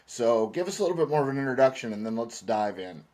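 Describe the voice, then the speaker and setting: A man's voice: medium pitch, big pitch swings, quick pace, darkish tone. Guy hosting a podcast, chatty, long rambling questions. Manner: friendly, conversational, asks long questions. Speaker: podcast host. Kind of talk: casual interview talk.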